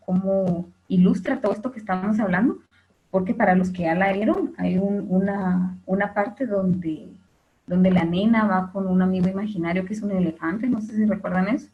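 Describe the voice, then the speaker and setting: A woman's voice: mid-range voice, phone-quality sound. A woman teaching an online class, explaining at length with many "este" fillers and questions to her students.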